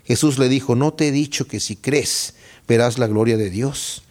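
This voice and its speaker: A man preaching a Bible study sermon, reading scripture aloud and explaining it with lively questions to his listeners. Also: mid-range voice, normal speed. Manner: expressive, reads scripture then explains it, asks the listeners questions.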